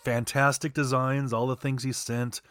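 A man's voice: mid-range voice, little pitch movement, normal speed, a bit bright, clear, resonant tone, no room sound, studio quality. A man co-hosting a casual radio show, rambling and hesitant, with lots of fillers and restarts. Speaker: radio co-host.

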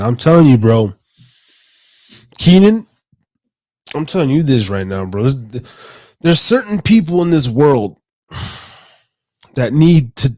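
A young man hosting a casual late-night podcast, rambling and excitable, swearing freely and calling his guest bro. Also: mid-range voice. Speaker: podcast host.

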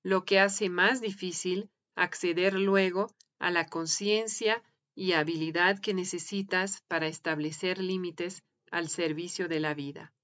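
A woman giving a slow, gentle, measured reading of a written piece. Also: fairly low pitch, fairly even intonation, highs cut off. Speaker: reader of translated articles. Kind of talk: calm scripted reading.

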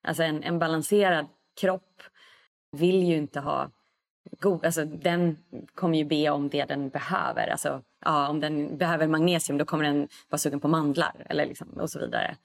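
A woman speaking as a podcast guest in an easy, reflective way. Her voice is very low, with a gravelly creak at the ends of her phrases, and she often pauses to find her words. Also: steady tone. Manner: reflective, thinks aloud with pauses. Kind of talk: casual podcast conversation.

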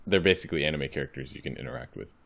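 Low-voiced guy hosting a podcast, lots of uhs and restarts. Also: racing, gravelly, a bit bright. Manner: rambling, hesitant, full of restarts. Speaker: podcast host. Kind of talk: casual interview chat.

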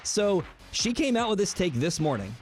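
A man co-hosting a casual sports talk show, getting heated and excitable as he talks. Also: high-pitched. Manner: fast, heated, excitable delivery.

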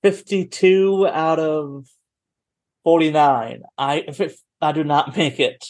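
A man's voice: a little high, steady tone, slow pace, darkish tone. A man chatting casually as a player in a tabletop game, slipping in and out of character.

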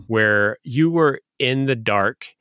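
A man co-hosting a casual podcast, stopping and restarting his sentences as he thinks out loud. His voice sits at an ordinary pitch, and the sound is dry and close with no room around it. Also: clean tone, no echo. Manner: halting, many restarts and fillers. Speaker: podcast co-host, dungeon master.

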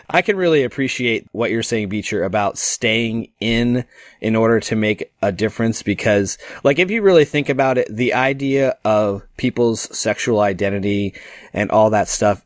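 A talkative man co-hosting a podcast, speaking in an animated, easygoing way. His voice sits somewhat low, and the recording is close and dry with no room echo. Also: normal speed. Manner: animated, chatty, peppered with "like" and "you know". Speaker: podcast co-host. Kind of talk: casual podcast conversation.

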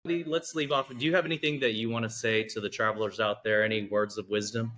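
Male host, crisp bright tone, friendly interview wrap-up. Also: on the low side, fairly even intonation, fast talker. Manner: friendly, reads outro promos. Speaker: podcast host. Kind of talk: interview hosting and sign-off.

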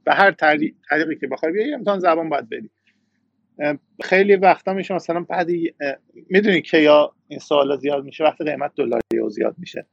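A man's voice: fairly high pitch, gravelly, husky, no echo, highs cut off. A man from Iran, a guest in a casual interview, talking reflectively with frequent hesitations.

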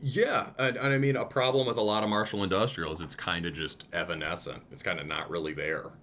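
Deep and fairly bright, the man's voice moves a little fast with fairly even intonation. He co-hosts a music podcast, casually reasoning through songs out loud and humming riffs, pausing with plenty of "um"s and frequent restarts.

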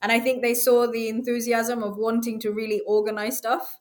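A woman's voice: a little high, little pitch movement, brisk. A woman researcher as a podcast guest, enthusiastic as she explains her work. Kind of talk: casual interview.

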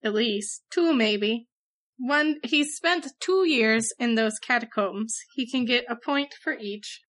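A woman with a Midwestern American accent chats casually as a podcast co-host. Her voice is a touch high, and she drops short, dry quips. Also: takes it slowly, fairly bright tone. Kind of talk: casual chat.

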